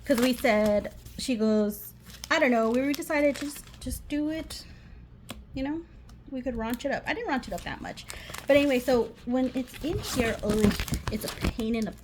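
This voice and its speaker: A woman's voice: fairly high pitch, normal speed, darkish tone. A woman giving a casual, rambling craft show-and-tell in her living room over a running washing machine, often losing her thread and interrupting herself. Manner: scattered, self-interrupting, giggly asides. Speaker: craft vlogger. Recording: washing machine noise in background.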